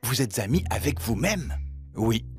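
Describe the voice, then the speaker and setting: A man voicing a proud, playful male cartoon letter who speaks in a low, self-assured, punning way. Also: very animated, a little slow, music in the background. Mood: smug.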